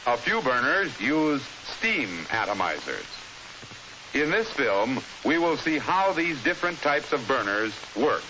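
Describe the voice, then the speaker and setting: An American man reading a scripted 1950s instructional film narration in a formal, measured, explanatory manner, on an old film soundtrack. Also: mid-range voice. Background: steady hiss.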